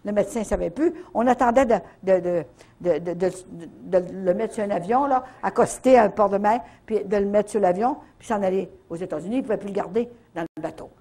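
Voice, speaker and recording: An older woman with a Canadian French accent telling a faith testimony at a retreat, in a lively storytelling manner full of little verbal tags. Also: mid-range voice, brisk. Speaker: retreat speaker.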